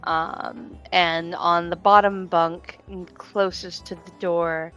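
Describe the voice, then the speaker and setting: A woman's voice: on the low side, little pitch movement, slow pace, fairly bright tone, clear, resonant tone, dull audio, faint music behind. A woman narrating a tabletop role-playing game as game master, rambling with many fillers.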